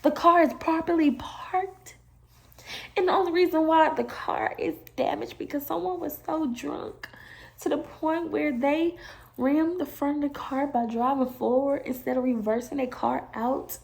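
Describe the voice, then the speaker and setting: Young woman, high voice, lively storytime vlogger who swears freely. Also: a little slow, gravelly. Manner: animated and emotional, swearing, addressing viewers as y'all. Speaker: beauty vlogger telling a storytime. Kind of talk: casual storytime.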